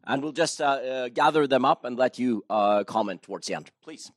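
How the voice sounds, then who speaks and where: A man's voice: medium pitch, no echo. Man moderating a public seminar. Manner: brisk, polite, calls on audience questions.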